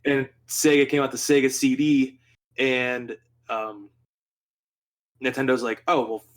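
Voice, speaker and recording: A young man in a loose, chatty podcast conversation. His voice sits in an ordinary middle pitch, and he gets excited as he talks. He rambles through plenty of "like"s and swears freely. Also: takes it slowly. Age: young adult. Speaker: podcast co-host. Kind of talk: casual chat.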